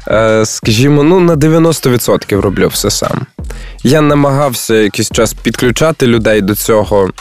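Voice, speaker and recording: A man speaking as a guest in a radio studio, answering questions in a relaxed, candid way. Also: mid-range voice, moderate pace. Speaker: guest, blogger and speech teacher.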